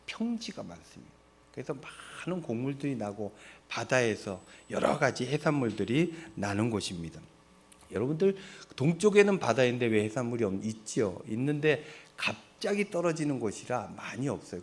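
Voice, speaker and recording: A man's voice: medium pitch, darkish tone. A middle-aged Korean man from Seoul, preaching a sermon in a chatty way, asking his congregation questions and answering them himself. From Seoul, South Korea. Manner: conversational, asks the congregation questions and answers them, laughs at his own jokes. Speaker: pastor.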